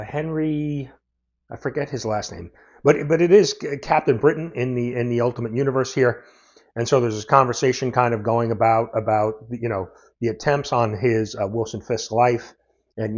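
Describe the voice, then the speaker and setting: A man's voice: medium pitch, darkish tone. A man giving a casual comic book review, recapping the plot in a loose, meandering way. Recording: dull lo-fi audio.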